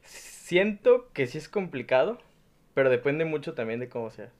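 A man in his twenties with a Nayarit Mexican accent, a student guest talking thoughtfully with many pauses and fillers. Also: on the high side, sing-song. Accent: Nayarit Mexican Spanish. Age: 20s. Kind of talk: casual chat.

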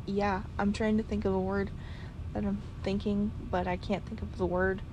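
A woman's voice: mid-range voice, level tone, normal speed, lo-fi sound, noisy background. A tired woman vlogger rambling casually, full of fillers and restarts. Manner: rambling, many fillers and restarts, talking in circles. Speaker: vlogger and podcaster.

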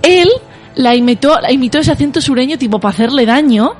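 Young woman, slightly high voice, enthusiastic, emphatic repetition, casual film chat, faint music behind. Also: fairly quick, darkish tone. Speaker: podcast co-host.

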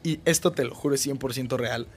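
A young man with a Mexican accent telling a story as a guest in a casual interview, animated and full of quick asides. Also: mid-range voice, husky, soft background music. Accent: Mexican Spanish.

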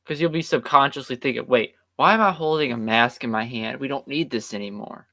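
A tired man chatting casually as a podcast co-host, drifting from point to point with a middle-pitched voice. The sound is close and dry. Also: a little fast, bright, forceful tone, no echo. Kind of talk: casual chat.

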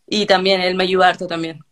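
A young Chilean woman chatting in an interview, telling stories in an animated way and acting out quotes. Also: medium pitch. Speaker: guest, hairdresser. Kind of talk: casual interview chat.

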